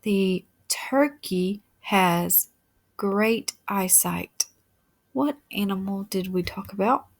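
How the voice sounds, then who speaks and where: Very slow-talking woman teaching little children. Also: medium pitch, gravelly. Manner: simple, patient questioning with repeated words and sounded-out letters; encouraging praise. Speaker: early-years teacher. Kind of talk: phonics lesson for young children, like reading to a toddler.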